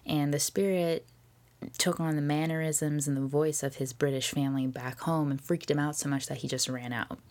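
Low-voiced irreverent woman podcaster. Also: fairly even intonation, normal speed, darkish tone. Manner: irreverent, jokey, swears; chatty with frequent fillers and whispered asides. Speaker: podcast host. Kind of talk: casual storytelling about history.

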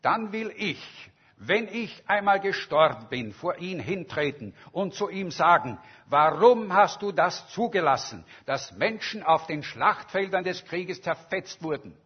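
A fiery male orator at a strike meeting shouts accusing questions at God, as a preacher acts him out. The voice is husky and fairly high for a man and drives each question home. The recording sounds dull and lo-fi. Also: lively intonation, unhurried, full character voice. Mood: angry, accusing.

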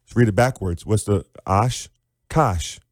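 Male teacher-author guest, animated explainer, low warm voice, dry close sound. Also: normal speed, no room sound. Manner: animated, demonstrates sounds aloud.

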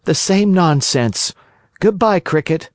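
A man's voice: high voice, expressive, slow, dry recording, clean studio sound, voice pushed up. A man voicing a naive, stubborn wooden puppet boy. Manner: insistent, childish.

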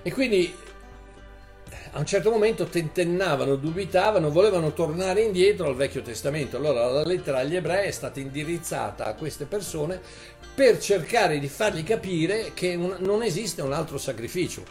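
A man preaching a sermon in an animated way, repeating phrases and rising into emphatic bursts. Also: on the high side, moderate pace, soft background music.

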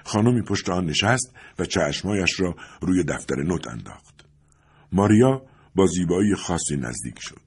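Brief: male audiobook narrator, low and husky, measured and expressive. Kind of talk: audiobook reading of a novel.

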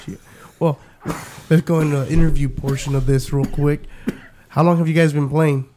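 A man with a somewhat higher voice runs a casual band interview. He is blunt and swears freely. Faint noise sits in the background. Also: fairly even intonation, moderate pace, dark tone.

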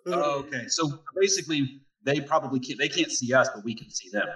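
A man playing a tabletop game, asking questions and thinking out loud. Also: mid-range voice, animated, fairly quick, distant mic, low-quality recording. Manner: inquisitive, thinks aloud. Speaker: player. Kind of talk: casual tabletop game play.

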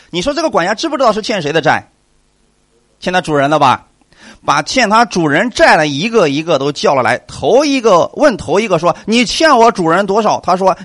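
Animated man preaching a sermon. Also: fairly high pitch, no echo, studio quality. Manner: animated, asks the congregation questions and answers them.

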